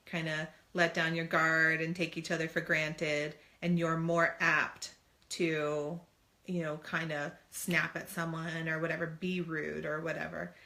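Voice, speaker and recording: A woman's voice: low-pitched, level tone, measured pace, gravelly, pushed and bright. A woman co-hosting a family talk show, chatting earnestly and putting on playful voices for quotes. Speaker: co-host. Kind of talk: casual chat.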